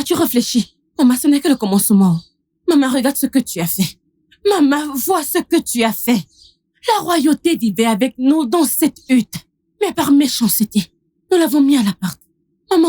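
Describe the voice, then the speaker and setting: A woman's voice: high-pitched, animated, normal speed, mellow. An actress playing a defiant young daughter in a dubbed film, talking back to her mother. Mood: pleading. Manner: defiant, mocking.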